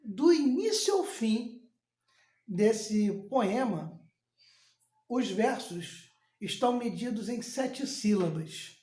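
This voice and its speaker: Man, teacher, slow unhurried delivery, echoey room. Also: very high voice, lively intonation, dark tone. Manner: slow, explanatory, repeats words and restarts often. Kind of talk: recorded classroom lesson.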